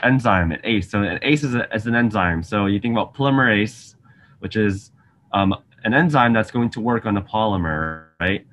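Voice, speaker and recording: A young Singaporean man, a graduate student doing science outreach, teaches a casual online science lesson over video call. His voice sits on the low side, is a bit bright and moves at a moderate pace, with a little hiss or hum from the webcam. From his indoor lab office with shelves, he's friendly, chatty, ums often and quizzes students.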